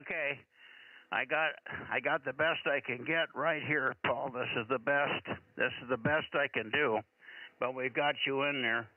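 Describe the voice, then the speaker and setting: Over a crackly radio link, a man with a medium pitch and steady tone handles ham radio net duties at a moderate pace, calling out callsigns and repeating procedure phrases. The recording is dry, yet also crackly, noisy, narrowband shortwave with clicks.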